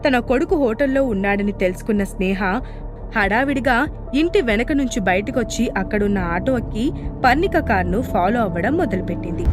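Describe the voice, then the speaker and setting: A woman narrating a scripted audio drama in a steady storytelling manner. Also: mid-range voice. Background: faint music.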